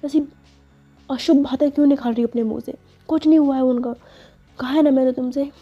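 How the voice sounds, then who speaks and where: Woman voicing a short-tempered father, agitated, fairly high voice, lo-fi. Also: steady tone, a little fast, breathy edge, soft background music. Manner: agitated, scolding. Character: distraught middle-aged father, short-tempered. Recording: dull lo-fi recording.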